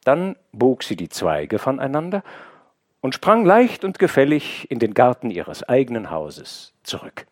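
A male audiobook narrator reads a classic novel at an unhurried pace. His delivery is expressive, with a voice that moves freely up and down as he tells the story. The recording is close and dry, with no room sound. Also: no echo. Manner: measured, expressive storytelling with wide pitch movement. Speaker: audiobook reader. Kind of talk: scripted literary narration.

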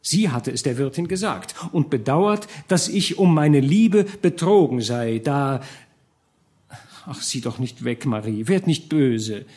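A man's voice: mid-range voice, lively intonation, measured pace, a little mellow, voice pushed up, close to an everyday voice. A man reading an audiobook, voicing an honest, jealous young knight in an earnest, slightly raised voice. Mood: sheepish. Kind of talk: audiobook character voice.

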